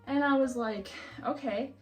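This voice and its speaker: A woman's voice: sits high, a little slow. A young woman with an American accent chatting casually and ramblingly, in a self-deprecating, giggly way, as a vlogger. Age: young adult. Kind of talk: casual chatty vlog while organizing books. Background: background music.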